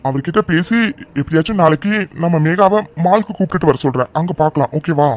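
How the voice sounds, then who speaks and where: Guy playing a young cartoon son calming his mom, quick talker, reassuring. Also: a little high, close to an everyday voice. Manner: soothing, reassuring. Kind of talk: cartoon voice acting.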